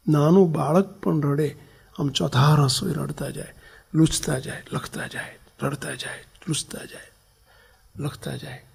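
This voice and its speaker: A man with a Gujarati accent gives a storytelling sermon as a swami. His voice sits a little high, with a gravelly, husky edge. He swings between loud, stressed lines and soft, near-whispered ones. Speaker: swami giving a religious discourse.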